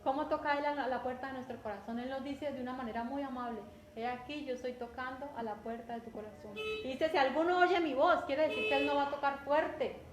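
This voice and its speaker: Una mujer con acento colombiano que predica un sermón en tono conversacional, repitiendo palabras y preguntando a menudo «¿cierto?». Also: female voice, high voice, fairly even intonation, fast, few pauses. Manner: conversational, repeats words, often asks "¿cierto?". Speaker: preacher. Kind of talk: sermon. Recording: echoey room with faint background noise.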